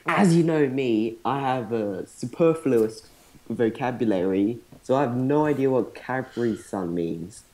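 Guy in a voice chat game being snarky at his friends, mellow voice, jokey and mocking. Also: mid-range voice, lively intonation, a little slow, rough recording. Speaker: player in a card game. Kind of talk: casual online game chat.

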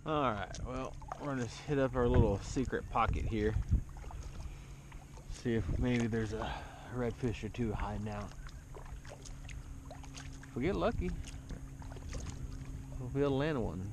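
A man's voice: mid-range voice, a little slow, pauses often. A man hosting a fishing vlog, talking casually and jokingly while paddling a kayak outdoors, recorded on an action camera. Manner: relaxed, joking banter. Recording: wind and water noise outdoors.

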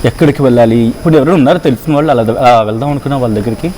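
A man's voice: medium pitch, racing, warm tone, slight background noise. A man working as a TV anchor, speaking in an earnest, emphatic and consoling way as he presents the story and questions his guest. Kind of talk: emotional news presentation and interview.

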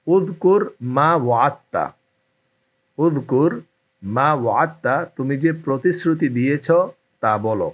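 A man teaching Arabic phrases in a slow, repetitive lesson, saying each phrase twice and then giving its meaning. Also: on the high side, lo-fi sound.

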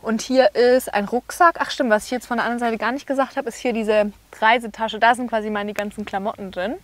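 A woman's voice: fairly high pitch, steady tone, a little fast, dry recording. A young woman in her twenties chatting upbeat to a handheld camera, outdoors and inside a small car, thinking aloud as she talks. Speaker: travel vlogger. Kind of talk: casual vlog talk to camera.

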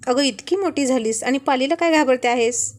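A woman voicing a playful young husband who calmly teases his wife in a light, joking tone. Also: high-pitched, a little fast, natural voice. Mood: teasing. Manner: light teasing tone.

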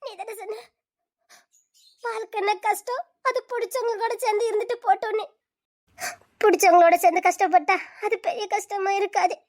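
A woman's voice: very high voice, steady tone, moderate pace, pauses often, darkish tone. A woman voicing a young woman who tearfully and earnestly refuses a friend's love in an audio drama.

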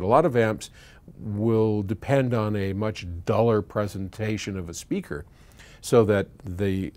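A man in his sixties with a low, darkish voice fields listener questions as the founder of an audio company. He's American and talks informally to camera in his electronics workshop, voicing strong opinions in choppy, stop-start phrasing.

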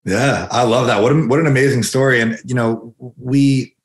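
A man's voice: medium pitch, fairly even intonation, normal speed. A young man co-hosting a podcast, opening the show and talking enthusiastically, often repeating words as he goes, on a headset. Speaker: podcast co-host. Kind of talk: podcast intro and interview.

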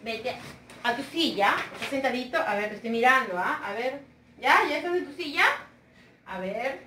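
A woman's voice: on the high side, expressive, normal speed, roomy sound, recorded from a distance, noisy background. A woman teaching a remote lesson to young children, sweet, sing-song and coaxing. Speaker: preschool teacher.

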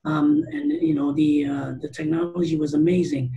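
Gravelly-voiced man on a video call. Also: a little high, very animated, normal speed, warm tone, low-quality recording. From Canada. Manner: chatty, many fillers and restarts. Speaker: startup founder interviewed. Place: room with teal curtains. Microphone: video call webcam.

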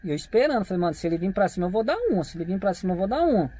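A man with a Brazilian Portuguese accent, a vlogger retelling a run-in to his camera in a casual, animated way, acting out both sides of the dialogue. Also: high voice, very fast. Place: parked outside a convenience store.

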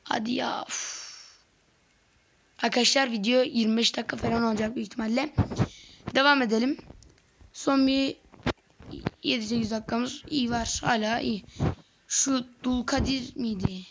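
A woman doing let's play commentary on a strategy game, excitable and slangy, often yelling at the game. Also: a little high, normal speed, long pauses. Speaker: gaming video creator. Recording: lo-fi with faint noise.

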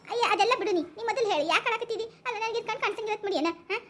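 A woman's voice: very high voice, rapid-fire, slight background noise. A woman with a North Karnataka Kannada accent playing an older village aunt and grandmother who coaxes and teases in a comedy skit. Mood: teasing concern. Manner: coaxing, teasing chatter with laughing asides.

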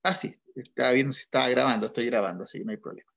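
A man's voice: medium pitch, racing, vocal fry, a bit bright, dull audio. A male accounting teacher leading an online class, patiently quizzing students step by step. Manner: questioning students, patient and methodical.

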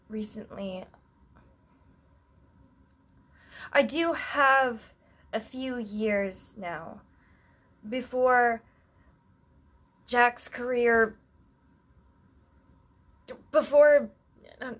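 On stage, a woman plays an anxious, earnest young female musician in a monologue, sounding wistful and unsure of herself. She speaks slightly high, in a halting, reflective manner broken by long pauses, with an uneasy, thoughtful mood.

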